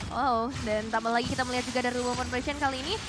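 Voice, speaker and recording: A woman's voice: fairly high pitch, steady tone, racing. An Indonesian woman giving live commentary on an esports match as a caster.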